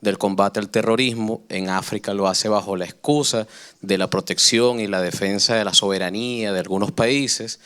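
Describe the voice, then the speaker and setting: A man's voice: lowish voice, fairly bright tone, smooth. A man from Venezuela with a Venezuelan Spanish accent, speaking from the floor at a panel in a conference hall in earnest, oratorical, long flowing sentences. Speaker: audience member, peace activist. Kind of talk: public floor statement at a panel.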